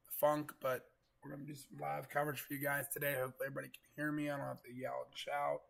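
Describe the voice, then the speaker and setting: Guy doing casual live storm commentary, super gravelly n congested like getting over a cold, kinda bright forceful tone. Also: fairly high pitch, level tone, rapid-fire. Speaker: live weather stream host, storm chaser.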